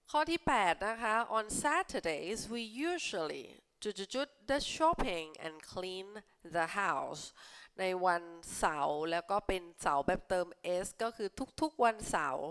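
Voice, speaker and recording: A young woman tutoring children for an English exam, reading English lines slowly and explaining them in a friendly, teacherly way. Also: fairly low pitch, clear, resonant tone. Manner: friendly teacherly tone, ends with polite particles. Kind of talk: exam answer walkthrough for young pupils.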